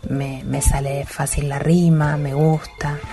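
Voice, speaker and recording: Woman poet, low soft voice over music, reflective and hesitant. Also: little pitch movement, slow pace. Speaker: poet guest. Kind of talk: recorded interview and poetry reading.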